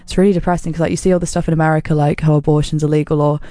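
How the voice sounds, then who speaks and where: A woman's voice: sits low, little pitch movement, racing, dark tone, no echo, studio quality. A young woman co-hosting a casual podcast, chatting loosely with lots of "like" and the odd swear. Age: young adult. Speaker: podcast co-host. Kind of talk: casual chat.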